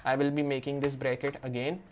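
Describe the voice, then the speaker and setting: A man's voice: mid-range voice, level tone, fairly quick, slight background noise. A man teaching programming in a screen-recorded coding tutorial, walking through each step as he works and leaning on fillers like "you can say.". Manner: walks through steps while working.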